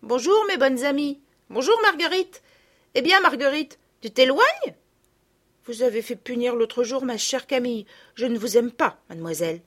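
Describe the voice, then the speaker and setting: A woman's voice: animated, moderate pace, a bit bright. Woman voicing Sophie, a remorseful little girl. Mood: cold. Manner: pleading, high childlike voice. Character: troubled little girl, impulsive, sorry.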